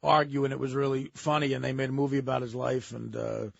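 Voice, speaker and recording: A man's voice: mid-range voice, flat delivery, quick pace, vocal fry, no echo, lo-fi sound. A man co-hosting a radio show, chatting with a guest in a casual, enthusiastic way. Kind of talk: casual radio interview chat. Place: radio studio.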